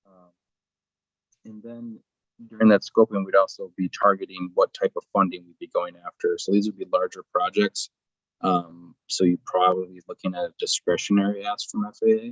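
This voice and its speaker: A very deep-voiced man talks through next steps over a video call, careful and explanatory, pausing on frequent fillers. His audio keeps fading and cutting out, so the volume jumps up and down. The sound is dull and lo-fi, and very dry. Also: level tone, no room sound. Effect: choppy video-call audio with the volume fading and cutting out. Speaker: airport project consultant. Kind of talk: explaining at a public meeting.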